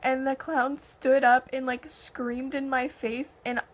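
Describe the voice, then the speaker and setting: High-voiced young woman chatting casually. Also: slow. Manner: animated anecdotes with heavy filler "like" and quoted dialogue. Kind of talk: casual chat.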